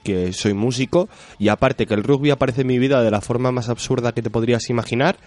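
A man's voice: mid-range voice, fast, a little mellow, dry recording. A man, a guest on a radio show, rattling off dates and scores and joking loosely as he goes. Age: 20s. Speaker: guest, rugby fan. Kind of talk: casual radio interview.

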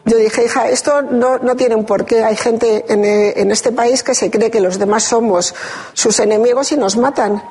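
A woman giving an interview, telling a deeply personal story in a measured, reflective way with hesitant restarts. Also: steady tone, darkish tone, husky. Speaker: interview guest. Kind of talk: emotional personal testimony.

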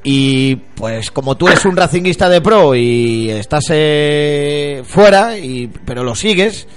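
A man hosting a comic radio show, asking quick, teasing questions and cracking jokes. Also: on the high side, animated, clean tone.

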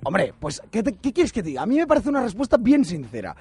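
A man's voice: high voice, huge pitch swings, fast, warm tone, faint music behind. A man co-hosting a comedy radio show, playful and mock-earnest.

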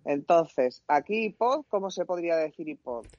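A man's voice: a little high, expressive, moderate pace, darkish tone, no room sound, lo-fi sound. A man from Spain co-hosting a podcast, bantering playfully and spelling words out in a mock-pedantic way. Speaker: podcast co-host. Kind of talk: casual banter.

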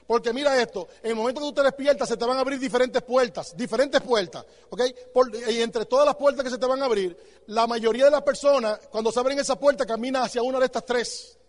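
A man gives an emphatic motivational talk in a very high voice. He talks fast and keeps throwing rhetorical questions at the listener. His voice carries a long reverb from a large hall. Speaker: motivational speaker.

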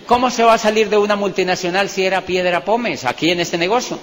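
A man with a Colombian accent speaks with a bright, high-pitched voice as he tells a motivational story. He repeats phrases for emphasis and jokes about himself. The sound has a long hall reverb and a faint hiss of background noise. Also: quick pace. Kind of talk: storytelling talk to a live audience.

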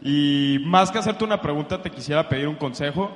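A man's voice: fairly high pitch, fairly quick, roomy sound, big-room sound. A man in his twenties with a Mexican accent, eagerly and nervously asking advice from the audience. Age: 20s. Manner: eager, nervous, full of fillers. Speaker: audience member asking a question. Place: large lecture hall.

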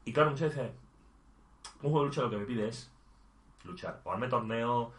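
A man's voice: mid-range voice, animated, moderate pace, fairly bright tone. A man chatting casually about video games, thinking aloud and restarting his sentences.

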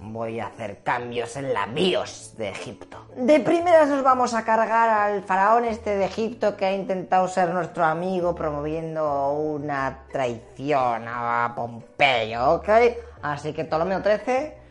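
A woman's voice: low voice, animated, measured pace, few pauses, soft background music. A woman voicing a smug, bossy Roman general as a casual, slangy man in a comic history retelling. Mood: bossy, offhand.

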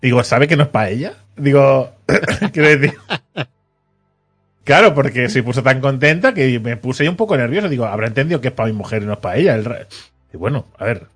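Animated storyteller, mid-pitched man. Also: a little fast, breathy edge, faint music behind. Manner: animated, acts out quoted people, teasing. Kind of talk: casual storytelling chat.

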